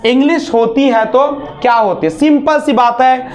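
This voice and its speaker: A man's voice: extremely high pitch, moderate pace. Man teaching spoken English. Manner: explains sounds by demonstrating them, asks rhetorical questions; mixes English phrases into his speech. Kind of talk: classroom lesson.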